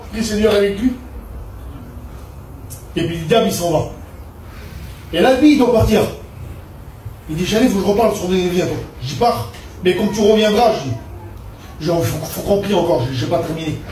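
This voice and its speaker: A man's voice: high voice, animated, moderate pace, long pauses, a little mellow, slight background noise. A man from Perpignan in southern France giving a fervent church testimony, telling his story with many repeated "I said" turns. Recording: echoey room picked up from a distance.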